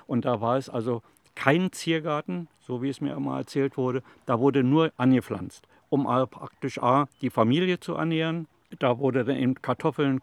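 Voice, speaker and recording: A calm, plain-spoken retiree in his seventies answers interview questions casually outdoors in a city allotment garden. His medium-pitched voice is creaky and the recording dry. He rambles as he tells stories, using fillers like "also" and "eben."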